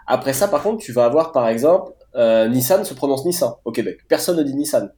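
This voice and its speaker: Mellow-voiced man with a French accent. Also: mid-range voice, expressive, quick pace, reverberant, a little hiss or hum. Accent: French (France). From France. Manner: chatty, many fillers and restarts. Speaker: guest. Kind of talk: casual conversation.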